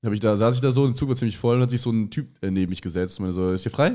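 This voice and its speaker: A man's voice: on the low side, very fast, darkish tone. A man on a comedy podcast telling a rambling travel anecdote, full of hesitations. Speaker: podcast co-host. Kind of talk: comedic storytelling.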